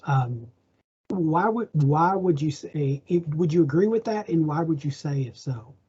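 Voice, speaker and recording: A man with a husky, raspy voice interviews a guest with short, polite questions. His tone is soft and warm, with a fairly high pitch, and the audio is slightly dull. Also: expressive, a little slow. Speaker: library director, interviewer. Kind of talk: interview host.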